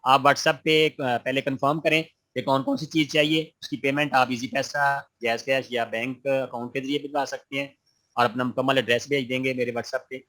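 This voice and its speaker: Speaking with little pitch movement in a fairly bright, mid-range voice, a man runs an online gardening class. He reads students' questions aloud and answers with patient encouragement, friendly throughout and using many religious phrases.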